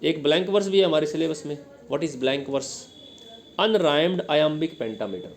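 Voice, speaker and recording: A male teacher delivers an exam-prep lecture, walking through the material step by step and quizzing his students, often checking in with "ठीक है?". His voice sits a little high and has a creaky texture, and he speaks slowly and expressively.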